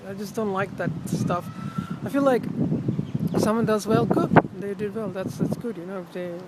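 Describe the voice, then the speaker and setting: Outdoors amid city sounds and heavy wind on the mic, a vlogger chats in a casual, reflective way, often trailing off and rephrasing. The voice sits mid-range with fairly even intonation at a normal speed, in a rambling personal vlog style.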